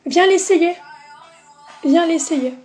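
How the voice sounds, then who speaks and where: A woman's voice: very high-pitched, slow, darkish tone, soft background music. A woman hosting a makeup live stream, chatting casually with viewers and greeting them by name, with plenty of fillers.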